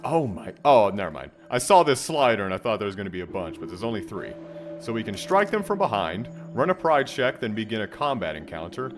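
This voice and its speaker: A man commenting on his gameplay and reading the game's text aloud, excitable, jumping to loud high bursts. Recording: faint game music behind.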